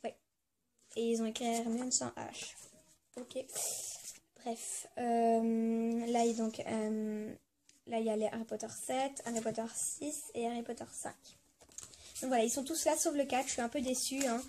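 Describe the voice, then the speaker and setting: A woman's voice: a little high, little pitch movement, a little slow, mellow, slight background noise. A woman vlogger telling a story in a casual vlog, chatty and enthusiastic, with many fillers and restarts.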